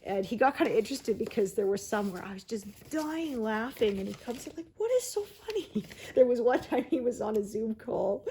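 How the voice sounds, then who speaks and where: A woman's voice: fairly high pitch, moderate pace, hardly any pauses, darkish tone, slight background noise. Chatty woman stitching, laughing along. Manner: chatty, laughs often, rambling with fillers. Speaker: crafting video host. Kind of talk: casual chat while cross-stitching.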